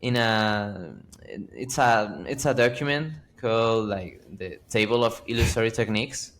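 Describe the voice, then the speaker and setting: A man's voice: fairly low pitch, lively intonation, a little slow, a bit bright. A man co-hosting a podcast as a physiotherapist, earnestly walking through sources with frequent restarts. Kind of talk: conversational podcast discussion.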